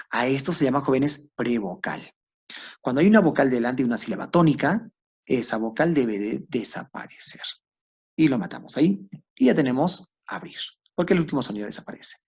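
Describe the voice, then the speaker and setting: A man's voice: medium pitch, husky. A male teacher giving a classroom lecture, addressing the students directly and answering his own questions. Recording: dull lo-fi recording.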